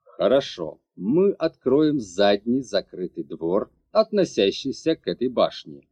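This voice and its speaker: A man's voice: fairly low pitch, very animated, measured pace, a little mellow, breathy edge, heavily acted. A man voicing a stern, cold dragon lord father who speaks curtly and commandingly. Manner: curt, commanding. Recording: dull lo-fi audiobook recording.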